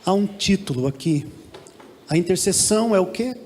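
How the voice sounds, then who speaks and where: A man's voice: high voice, lively intonation, moderate pace, a little mellow, a little hiss or hum. A man preaching a sermon into a handheld microphone, building to fervent prayer. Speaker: pastor. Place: large church hall. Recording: reverberant church hall with faint ambience.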